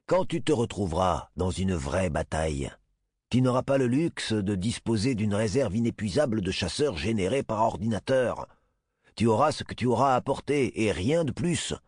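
A man voicing a stern male military mentor who lectures in measured tones in an audiobook. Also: on the low side, expressive, a little mellow, husky, no room sound, clean studio sound. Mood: scolding.

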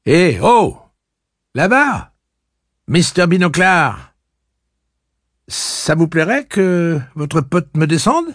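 A man voicing a bold young male gunslinger who talks with mock-courtly politeness, raising his voice high above his own. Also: sing-song, slow pace, husky, no room sound, studio quality, full character voice. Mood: jaunty. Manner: mock-courtly, then barking orders.

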